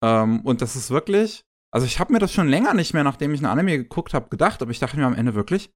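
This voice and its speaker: A man's voice: medium pitch, sing-song, fast. A man in casual podcast talk, hesitant and full of fillers and restarts as he reviews an anime series.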